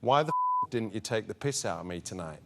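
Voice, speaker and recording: A brash male rock star who swears and snaps out blunt challenges, put on by an English man telling a story. The delivery is confrontational, with wide swings in pitch. There is a light hiss in the background. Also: expressive, fast, gravelly. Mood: aggressive.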